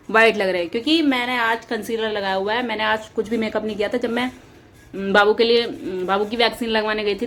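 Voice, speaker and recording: Her mid-range voice sounds a bit bright against slight background noise as she records a casual vlog chat at home near an open balcony. The young woman, filmed on a tripod-mounted camera, keeps repeating herself while complaining in a playful way.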